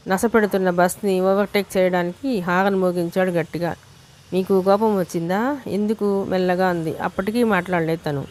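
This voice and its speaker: A woman's voice: fairly low pitch, a little mellow. A woman narrating a romance novel audiobook with a Telugu accent, reading steadily and voicing each character's dialogue herself.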